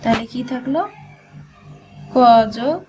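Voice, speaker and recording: A woman's voice: high voice, unhurried, music in the background, poor audio. A woman teaching a shorthand class, breaking words into syllables and repeating them patiently. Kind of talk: slow step-by-step dictation lesson.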